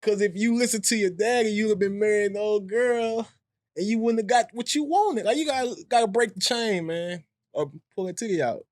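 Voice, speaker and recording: An American man co-hosting a podcast, talking in an emphatic, animated way and laughing often. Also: high voice, brisk, dry recording. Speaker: podcast co-host. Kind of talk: casual chat.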